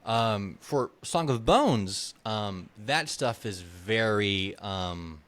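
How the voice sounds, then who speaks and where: A man's voice: on the low side, expressive, extremely slow, fairly bright tone. A male author reading his fantasy novel aloud, then answering questions hesitantly with many fillers. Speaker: author, guest. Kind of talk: book reading and interview.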